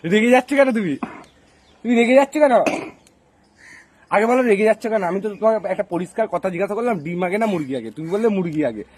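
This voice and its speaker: Fast, high-voiced man needling with questions. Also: lively intonation, a little mellow. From Bengal. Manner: needling, repeats the same question. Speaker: prank interviewer. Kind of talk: teasing comedic questioning.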